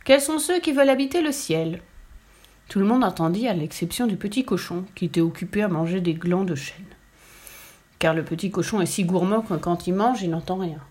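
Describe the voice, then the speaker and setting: A woman reading a children's story aloud in a lively, expressive way. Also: fairly low pitch.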